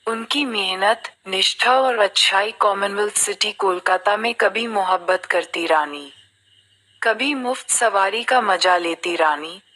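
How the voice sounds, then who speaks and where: A woman narrating a film review slowly and reflectively, with a bright, clear tone. She retells the story at an unhurried, storytelling pace. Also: mid-range voice, low-quality recording.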